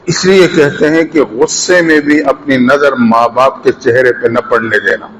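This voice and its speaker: A man delivering a sermon as an Islamic preacher, impassioned, rising to emphatic peaks and then dropping low. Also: fairly even intonation, fairly bright tone, a little hiss or hum, low-quality recording. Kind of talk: Urdu sermon.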